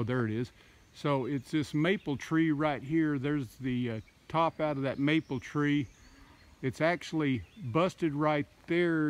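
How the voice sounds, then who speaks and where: Slow-talking man touring his farm. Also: mid-range voice. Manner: slow, unhurried, halting with fillers. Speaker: farmer vlogger. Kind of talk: casual walking tour narration. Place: outdoors on a wooded farm. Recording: faint outdoor noise.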